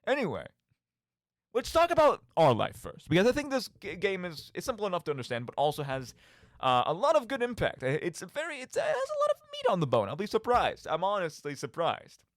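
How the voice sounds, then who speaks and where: Talking briskly and straight at his audience, a podcast host gives a theatrical radio monologue about video games, peppered with rhetorical questions. He has a slightly high voice with lively, swooping pitch. The audio is dry, close and free of echo.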